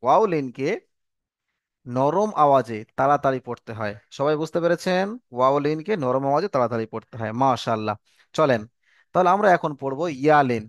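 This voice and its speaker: A man's voice: mid-range voice, expressive, no room sound. Patient man teaching Quran reading. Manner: slow, patient, repeats and drills phrases; addresses students as brother. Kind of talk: online lesson.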